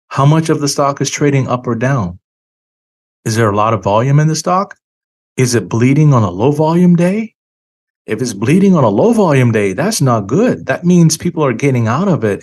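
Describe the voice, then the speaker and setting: A man hosting a finance talk, speaking earnestly and emphatically, slowing down to stress key words, and saying he feels tired. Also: medium pitch, darkish tone. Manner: earnest, preachy, emphatic with dramatic slow stresses. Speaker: financial show host. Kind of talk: solo commentary monologue.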